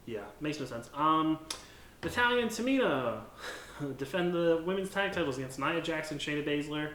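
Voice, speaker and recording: A man's voice: a little high, lively intonation, moderate pace, a bit bright. Hesitant man recapping wrestling. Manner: hesitant, many fillers, recapping. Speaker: podcast co-host. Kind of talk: casual wrestling review chat. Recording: echoey room with faint noise.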